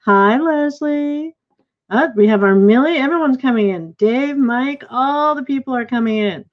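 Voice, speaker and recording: A woman with a high, animated voice hosts an informal online event over a video call, speaking effusively at normal speed. She is the host and play director, and the call audio sounds dull and lo-fi.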